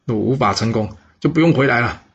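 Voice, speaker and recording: A man voicing an angry, domineering king in a stern, commanding manner, in a husky voice on a dull recording. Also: mid-range voice, fairly quick.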